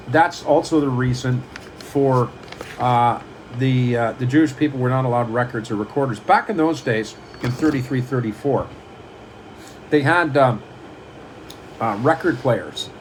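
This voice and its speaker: A man's voice: medium pitch, slight background noise, low-quality recording. A man giving a lecturing monologue, reading items from a list and repeating them, often asking the listener whether they understand. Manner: repeats himself, asks "do you understand?". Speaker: channel host.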